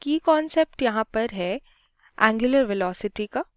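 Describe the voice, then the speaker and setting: A woman, slowly working through a physics problem step by step in a mix of Hindi and English. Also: a little high, animated, smooth, dry recording. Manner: unhurried, mixes Hindi and English, talks through each step aloud. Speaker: physics tutor. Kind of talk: slow step-by-step problem solving.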